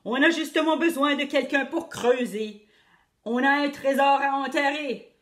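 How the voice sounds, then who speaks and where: A woman doing a bellowing pirate captain. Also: unhurried. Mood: bossy. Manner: booming, shouted orders. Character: loud gruff male pirate captain, bossy.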